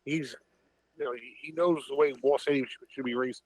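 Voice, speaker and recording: A man's voice: medium pitch, steady tone, normal speed, slightly rough, no room sound, rough recording. Dry-witted man chatting on a podcast. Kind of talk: casual chat.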